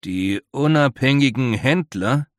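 A man's voice: medium pitch, expressive, measured pace, no room sound, pitched above the performer's own voice, close to an everyday voice. A cautious older councilman, voiced by a male reader, who speaks in a dry, skeptical way. The sound is close and dry.

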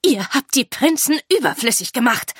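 A woman's voice: a little high, animated, moderate pace, breathy edge, dry recording, clean studio sound. A woman voicing a cold, scornful female headmistress who hisses and mocks. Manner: hissing, mocking.

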